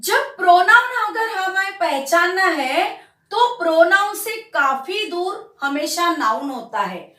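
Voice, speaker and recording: A woman teaching a grammar lesson to children, speaking slowly and deliberately as she reads example sentences aloud. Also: very high-pitched, pushed and bright, distant mic. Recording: roomy echo, away from the mic.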